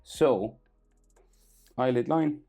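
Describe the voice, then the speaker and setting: A host giving a casual step-by-step drawing tutorial, thinking aloud in short, halting fragments. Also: medium pitch, dark tone. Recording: background noise and music.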